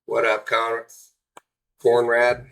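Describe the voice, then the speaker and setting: A man's voice: mid-range voice, completely flat delivery, takes it slowly, vocal fry, a bit bright. A man hosting a live card break, giving casual auction sales patter to viewers.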